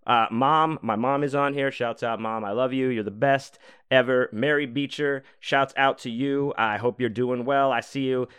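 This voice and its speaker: Guy rambling through his podcast intro, smooth resonant voice, dry close sound, lots of ums and cussing. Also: mid-range voice, steady tone, normal speed, a bit bright, no echo. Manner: rambling, loose, with many fillers and profanity. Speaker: podcast host. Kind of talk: casual solo podcast monologue. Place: home room.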